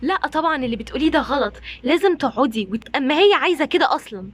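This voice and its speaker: A woman voicing a calm young woman doll who soothes and reasons, with an Egyptian Arabic accent. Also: sits high, rapid-fire. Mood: soothing.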